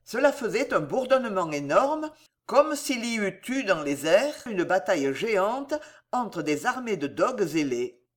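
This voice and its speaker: A man's voice: sits high, sing-song, measured pace. A man reading a historical novel aloud as an audiobook, in a dramatic, theatrical narration. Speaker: audiobook reader.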